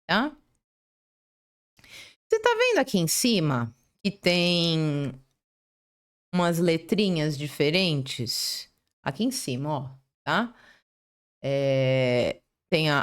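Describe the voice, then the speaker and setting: A woman in her thirties teaches an online lesson in a low voice with a very lively, swooping pitch. She checks in with her viewers through short tag questions and restarts her sentences as she goes. She sounds close to the mic, talking over a screen share. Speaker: English teacher.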